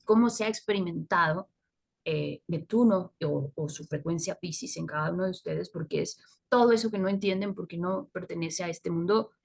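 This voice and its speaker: A woman's voice: lowish voice, normal speed, gravelly, slightly rough. Spanish-speaking woman teaching astrology. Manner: explanatory, repeats "¿sí?" and "¿no?" to check with listeners; laughs at her own points. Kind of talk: live astrology talk.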